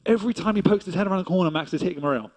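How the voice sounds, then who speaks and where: A man's voice: high voice, rapid-fire, low-quality recording. Chatty male esports caster. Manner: analytical, chatty, laughs easily. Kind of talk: esports commentary.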